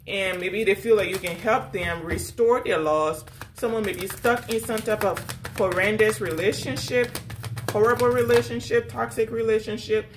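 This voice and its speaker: A woman's voice: mid-range voice, noisy background. Sassy woman giving a tarot reading. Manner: casual, sassy, calls the listener honey and baby. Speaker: tarot reader. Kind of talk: spiritual tarot reading to camera.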